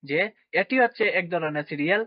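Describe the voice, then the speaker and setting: A brisk, animated man with a fairly high voice teaches a maths lesson to kids at the board. He frequently checks in, raising questions and then answering them himself. The recording has no room sound and comes across as dry, dull lo-fi.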